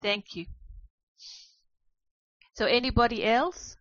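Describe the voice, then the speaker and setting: A woman leads a group discussion and speaks for the whole group in a gentle, encouraging way. Her voice comes through a dull, lo-fi recording with no room sound at all. It sounds close and dry. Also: fairly high pitch, slow pace, dry recording. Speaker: group facilitator. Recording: muffled lo-fi, dry.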